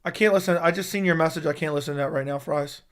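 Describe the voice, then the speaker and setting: An MMA YouTube host chats casually on a livestream, his voice hoarse as he's losing it. He talks fast, pitched a little high, excitable and profane as he reacts to news live.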